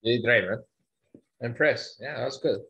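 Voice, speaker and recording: Male online tutor, mid-pitched voice, playful and teasing. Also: moderate pace, vocal fry, background noise. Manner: playful, teasing, mock-dramatic. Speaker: Spanish tutor. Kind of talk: online language lesson.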